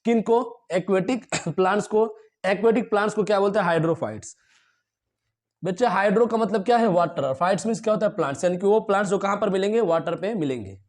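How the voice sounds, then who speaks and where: A man teaching a biology lesson to students, asking questions and answering them himself, clearing his throat now and then. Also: high-pitched, fast, a little mellow. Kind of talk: classroom lecture to students.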